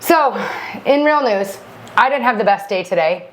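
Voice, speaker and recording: A woman's voice: a little high, expressive, moderate pace. A woman co-hosting a podcast, chatting casually in a rambling way full of "like". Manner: rambling, filler-heavy chatter with lots of "like". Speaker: podcast co-host. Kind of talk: casual chat.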